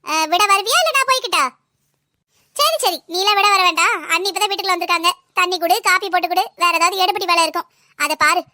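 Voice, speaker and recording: A woman doing a shrill bossy sister-in-law. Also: no echo, studio quality. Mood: huffy. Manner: lecturing, sharp-tongued, preachy. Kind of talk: cartoon voice acting.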